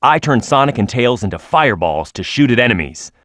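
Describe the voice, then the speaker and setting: A man's voice: mid-range voice, big pitch swings, a little fast, fairly bright tone, no echo, studio quality. A man voicing a tough, cocky, hot-headed young echidna fighter in a video game, with a brash, punchy, confident delivery. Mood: calm instructing. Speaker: playable video game character.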